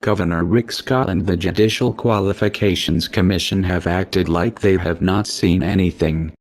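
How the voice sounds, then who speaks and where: A man speaking in a disguised, computer-altered deep voice, reading a scripted statement in a slow, menacing monotone. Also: no room sound.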